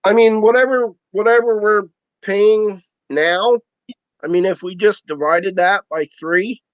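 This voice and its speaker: A man who works on the town roads, reporting to a board meeting over a video call, halting and full of ums and uhs. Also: high-pitched, steady tone, smooth, dry recording. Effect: heard over a video call. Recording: dull lo-fi video call audio.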